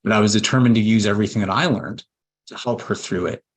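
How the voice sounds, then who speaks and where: A man's voice: fairly low pitch, quick pace. Earnest man telling a personal story. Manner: earnest, heartfelt storytelling with fillers and restarts. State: emotional at times. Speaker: estate planning attorney. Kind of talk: personal story in a webinar talk.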